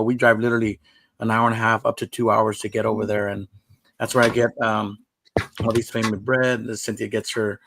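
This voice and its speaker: A man's voice: medium pitch, gravelly, a bit bright, a little hiss or hum, poor audio. A man hosting a live stream, chatting in an easygoing, rambling way. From United States. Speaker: livestream host. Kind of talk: casual live-stream chat.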